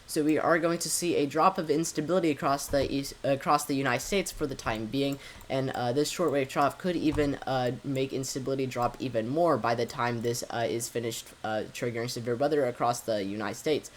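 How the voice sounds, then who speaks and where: A man hosting his own weather forecast, talking through model maps with frequent pauses and filler words. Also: mid-range voice, slight background noise. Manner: hesitant, frequent "uh" fillers and self-corrections. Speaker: amateur weather forecaster, channel host.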